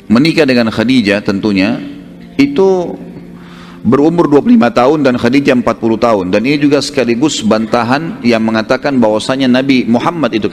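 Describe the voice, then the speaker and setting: A male preacher narrating a religious story in an easy, conversational lecture style, with casual tag phrases at the ends of his sentences. He talks very fast at a mid-range pitch. The voice rings with a long hall reverb. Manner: conversational, frequent tag phrases, acts out dialogue. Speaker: Islamic preacher.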